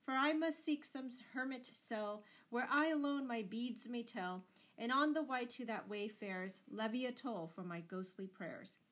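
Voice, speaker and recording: A woman puts on a stout storybook friar, jovial and cheeky. He speaks with calm assurance and a pointed edge. Nothing ruffles him. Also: medium pitch, moderate pace, lightly acted. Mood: blithe, defiant. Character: fat, jolly, unflappable, impudent male friar. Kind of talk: dramatised storybook reading.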